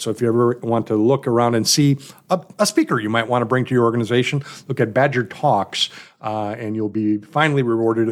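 A man in his sixties from Milwaukee hosting a radio interview show, joking and chatty with plenty of fillers and quick agreements. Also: mid-range voice. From Milwaukee, Wisconsin. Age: 60s. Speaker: radio talk show host. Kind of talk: casual radio interview chat. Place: radio studio.

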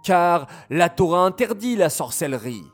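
Frightened servants stammer and hesitate before their king, as a man voices them in a children's story. The voice is pitched up, gravelly and halting. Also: big pitch swings, faint music behind, exaggerated voice. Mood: nervous. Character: timid stammering male royal servants.

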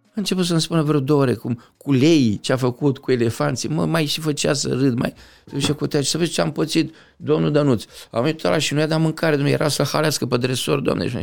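A middle-aged man talking as an interview guest, passionate, swinging from loud outbursts to quiet reflection. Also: a little high, gravelly, faint music behind. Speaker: podcast guest. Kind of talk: conversational interview.

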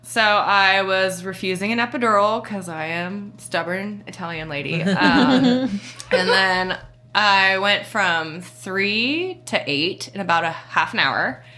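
A woman's voice: mid-range voice, takes it slowly. A young adult woman chatting casually on a podcast, telling her story with lots of "like" and acting out what others said. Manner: animated storyteller who acts out what others said; frequent "like" fillers.

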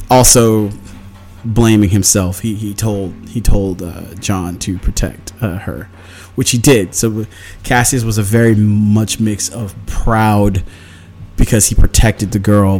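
A man's voice: fairly low pitch, a little mellow. A man casually recapping a tabletop game session as one of its players, meandering through the story and acting out quotes.

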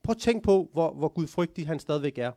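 A man tells a story in a sermon, lifting his voice for emphasis in an animated way. His voice sits a little high, and the recording is dry and close. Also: dry recording. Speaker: religious lecturer.

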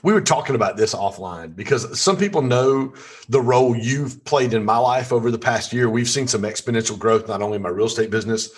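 A man hosting a podcast interview, with a slightly husky voice, speaking in an earnest, encouraging way. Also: medium pitch, a little fast. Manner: scripted inspirational intro, then conversational. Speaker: podcast host.

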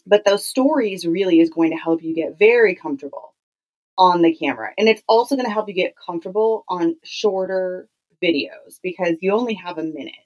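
Female podcast host, lowish voice, emphatic and conversational, explaining things directly to listeners. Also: a little fast, a little mellow, rough recording. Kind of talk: solo podcast teaching, conversational. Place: home clothes closet used as podcast booth.

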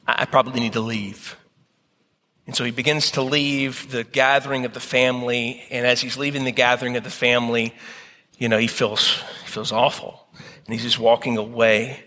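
A man preaching a sermon, retelling a story slowly with dramatic pauses. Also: mid-range voice, bright, forceful tone, big-room sound.

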